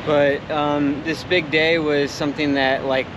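A man's voice: on the high side, little pitch movement, a little slow, highs cut off. Laid-back man vlogging a road trip. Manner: laid-back, short agreeing replies. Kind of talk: casual travel vlog chat. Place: inside a motorhome and outdoors in a truck-filled parking lot at night. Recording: noisy road and parking lot background.

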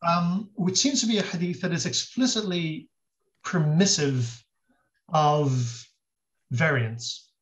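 A man's voice: fairly high pitch, takes it slowly. A man, a guest scholar, explains at length in an interview, thinking aloud and restarting his sentences. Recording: dull lo-fi audio.

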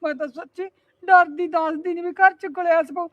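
Woman playing a shrill nagging mother-in-law. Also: fairly even intonation, normal speed, fairly bright tone, no echo, highs cut off. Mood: complaining. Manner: shrill nagging, wailing complaints. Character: scolding suspicious older village mother-in-law. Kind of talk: comic family sketch.

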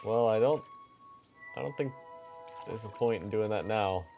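A young man with a fairly low voice chats casually while gaming. He is playful and swears often, with faint music under his words. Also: moderate pace, lo-fi sound. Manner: profane, playful. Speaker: video game player. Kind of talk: casual gaming chat with friends.

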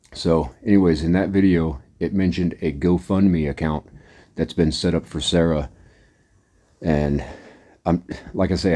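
A middle-aged man talks casually to his audience in a low, mellow voice. He rambles in a plain, down-to-earth way and fills the gaps with "uh" and "anyways." He sounds like a working trucker speaking off the cuff. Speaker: trucker vlogger. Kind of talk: casual monologue to camera.

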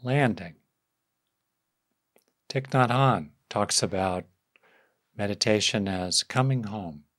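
Here a man leads a guided meditation, his fairly low voice soft and gentle as he offers short phrases with long silences between them. The sound is dry and studio-clean.

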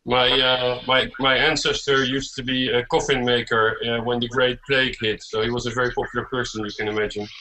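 A man's voice: mid-range voice, little pitch movement, fairly quick, hardly any pauses, pushed and bright, rough recording. A man in casual remote chat, wry and joking as he talks. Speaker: conference panelist. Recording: clear background noise on call.

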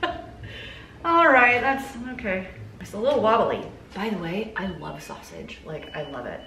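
A woman's voice: mid-range voice, expressive, normal speed. Chatty woman vlogging in an echoey kitchen. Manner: chatty, upbeat, self-joking asides. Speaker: cooking vlogger. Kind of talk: casual kitchen vlog talk. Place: home kitchen, indoors. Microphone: camera on counter at mid distance. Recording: echoey kitchen with faint noise.

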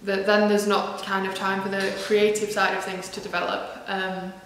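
A woman's voice: medium pitch, level tone, moderate pace, fairly bright tone. Chatty knitwear vlogger, woman, recorded on the camera mic in a large echoey room with faint background noise. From northwest England. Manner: chatty, self-deprecating, many ums and asides. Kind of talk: casual chat to camera.

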